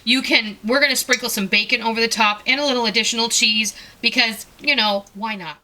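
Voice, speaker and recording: A woman's voice: on the high side, fairly even intonation, fairly quick, sharp tone. A middle-aged woman hosting a home cooking tutorial, chatting casually and folksily straight to her viewers from her kitchen. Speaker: cooking channel host.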